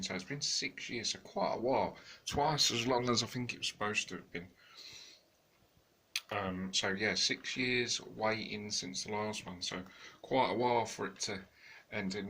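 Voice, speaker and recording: Rambling deep-voiced man reviewing films. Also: bright, forceful tone, husky. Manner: rambling, many fillers and restarts. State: tired, yawning. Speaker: home video reviewer. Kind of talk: casual unscripted review.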